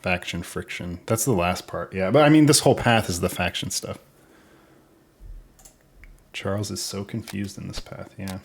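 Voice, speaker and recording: A man's voice: low voice, normal speed, vocal fry, long pauses, breathy edge. A young man giving casual developer commentary over his game, thinking aloud and unsure of the order.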